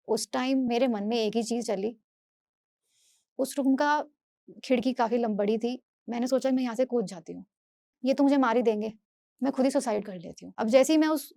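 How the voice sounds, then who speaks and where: A woman from Delhi giving an earnest, halting first-person testimony as a speaker, often restarting and repeating her phrases. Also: fairly high pitch, mellow, no echo. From Delhi, India. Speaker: speaker sharing a personal story.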